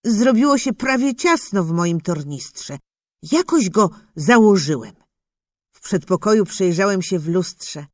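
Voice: medium pitch, no room sound, studio quality. A narrator reading a children's story in the first person as a young boy, telling it expressively. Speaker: audiobook narrator.

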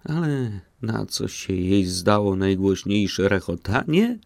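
A man reads a fairy tale audiobook in slow, measured scripted narration. His voice is very low and gravelly, with plenty of fry. It is recorded close and completely dry. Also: a little mellow, no echo.

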